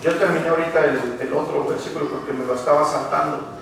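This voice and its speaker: A man's voice: a little high, fairly even intonation, quick pace, gravelly, a crowd in the background. A man preaching a sermon to a congregation, often putting rhetorical questions to them. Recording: echoey hall, mic far off.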